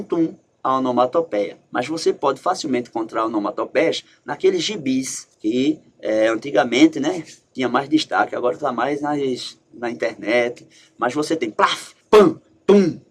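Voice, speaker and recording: A Brazilian man with a Recife accent teaches a recorded lesson in a husky voice. He is animated and reads his example sentences aloud playfully. His pitch sits in the middle for a man.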